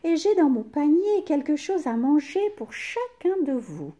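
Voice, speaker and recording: A woman voicing a sly male wolf who fakes a sweet mother's voice, slow, drawn-out and coaxing in a storybook reading. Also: high-pitched, very animated, dark tone, pitched above the performer's own voice.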